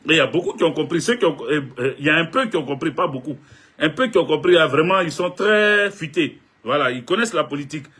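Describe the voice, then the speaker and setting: Husky man chatting to viewers. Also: fairly high pitch, animated, fast talker, bright, forceful tone. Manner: joking, chatty, addresses viewers directly. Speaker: political video blogger. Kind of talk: casual monologue to viewers.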